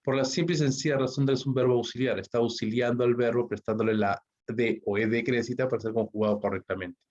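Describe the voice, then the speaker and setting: A man's voice: medium pitch, steady tone, fast, a little mellow. A man with a Peruvian Spanish accent teaching English grammar in an online class, walking through the rules step by step and checking in with "¿ok?" after nearly every line. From Peru. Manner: explains step by step, checks with constant "¿ok?" and "¿no?". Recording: dull lo-fi recording.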